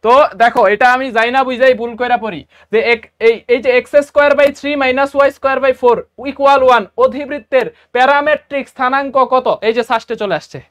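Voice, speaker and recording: A man's voice: very high-pitched, fairly even intonation, fast, hardly any pauses, fairly bright tone, smooth. A man with a Bangladeshi Bengali accent teaching a casual exam-prep math lesson, repeating each step and quizzing his students. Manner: chatty, repeats key steps, asks students quiz questions. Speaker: math tutor.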